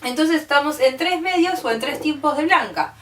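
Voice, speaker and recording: A woman's voice: sits high, animated, moderate pace, fairly bright tone. A woman with an Argentine accent teaching music, explaining step by step and checking in with her students. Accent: Argentine Spanish. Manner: patient, step by step, checks understanding with "¿sí?". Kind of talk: classroom explanation. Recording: roomy, distant mic.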